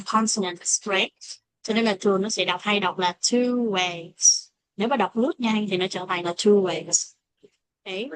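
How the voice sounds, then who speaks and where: A woman teaching an English pronunciation lesson, speaking English with a Vietnamese accent and slowing down to model example phrases. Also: medium pitch. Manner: switches between explanation and slow modeled English examples. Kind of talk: classroom lesson explaining pronunciation.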